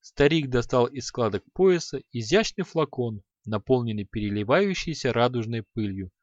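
A man reads a fantasy audiobook in a steady, measured way. His voice sits in a middle register, recorded dry and a little dull. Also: mid-range voice, no room sound. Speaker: audiobook narrator.

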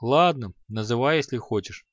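A man's voice: medium pitch, moderate pace, fairly bright tone, dry recording, natural voice. A man playing a grumpy proud young apprentice. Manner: grumbling, curt. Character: proud, irritable young male sorcerer's apprentice. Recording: slightly dull audio.

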